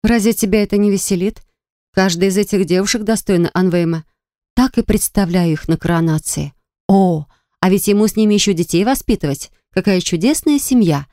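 A woman voicing a sharp-tongued young heroine in a fantasy audiobook, with a sugary, mocking delivery. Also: medium pitch, fairly quick, no echo, studio quality, close to an everyday voice.

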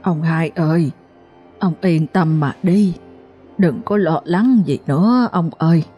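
A woman voicing an old widow who speaks slowly and gently to her dead husband, with a Southern Vietnamese accent. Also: low voice, soft background music. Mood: tender grief. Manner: slow, gentle farewell. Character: grieving old widow, tender and soothing.

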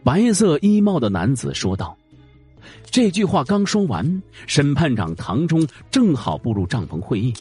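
A man narrating a fantasy audio drama in a dramatic, expressive way. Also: fairly high pitch, moderate pace, slightly rough, soft background music.

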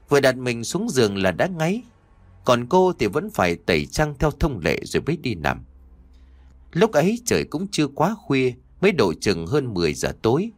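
A man narrating a horror story in an expressive storytelling manner. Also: medium pitch, no room sound.

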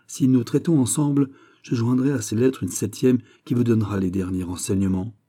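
A man's voice: medium pitch, fairly even intonation, fairly quick, warm tone, lightly acted. A man voicing a haughty, scheming duchess in an audiobook, in a teasing bargaining tone. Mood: sly. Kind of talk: audiobook character reading.

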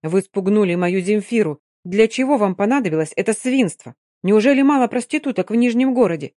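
A woman voicing an excitable young officer who is infatuated, talking in eager exclamations, in an audiobook. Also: sits high, a little fast, no echo, clean studio sound. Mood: excited. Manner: enthusiastic, exclaiming.

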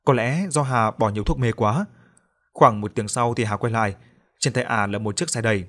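A man narrating a horror story for an audiobook in a steady storytelling voice. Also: on the low side, moderate pace.

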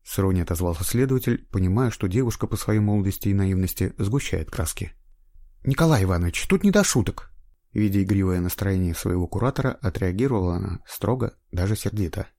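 A man narrating an audiobook in a measured storytelling manner. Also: sits low, mellow, no echo, clean studio sound.

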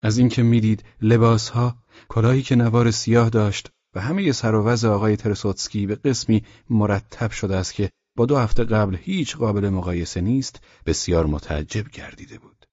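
A man narrating a novel as an audiobook, reading in a measured, even way. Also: lowish voice, dry recording, highs cut off.

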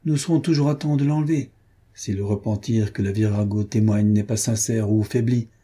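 A man's voice: fairly low pitch, steady tone, normal speed, dark tone, slightly rough. A man reading aloud voices a stubborn, hot-tempered man who sneers and blusters. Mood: scornful.

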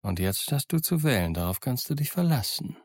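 A man voicing a cunning, genial yet menacing old male pirate in an audiobook, with a gruff, folksy, wheedling way of talking. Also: medium pitch, big pitch swings, brisk, darkish tone, no room sound, lightly acted. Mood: gruff, sly. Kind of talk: audiobook character voice. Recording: dry close studio sound.

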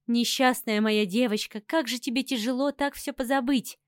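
A woman's voice: fairly high pitch, fairly even intonation, normal speed, dry recording, clean studio sound, natural voice. A woman voicing a kind elderly nanny who speaks tenderly and consolingly.

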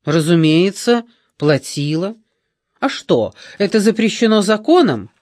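A man's voice: high-pitched, expressive, measured pace, a little mellow, no room sound, clean studio sound. A man reading an audiobook, voicing a frightened, angry old woman with scornful, indignant outbursts.

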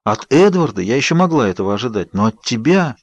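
A man's voice: mid-range voice, sing-song, fast talker, no echo, highs cut off. A man voicing a pleading, bubbly young woman friend in an audiobook, coaxing and wheedling. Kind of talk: audiobook character voice.

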